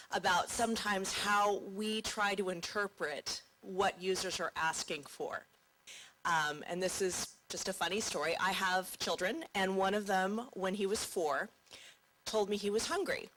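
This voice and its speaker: A woman's voice: medium pitch, fairly bright tone, poor audio. A woman, a conference marketing director, giving a welcome speech from the stage and telling a chatty anecdote.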